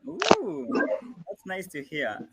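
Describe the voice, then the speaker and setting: A man's voice: high voice, wildly swooping pitch, slow pace, vocal fry, a crowd in the background, low-quality recording. A man hosting a live youth call-in, hesitant with many fillers.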